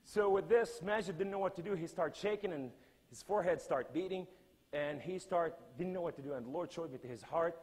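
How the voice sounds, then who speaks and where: Husky-voiced man preaching in a hall. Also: fairly high pitch, brisk. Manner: swings from hushed to loud, dramatic. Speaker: guest speaker. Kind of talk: impassioned sermon. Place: large conference hall. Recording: long hall reverb.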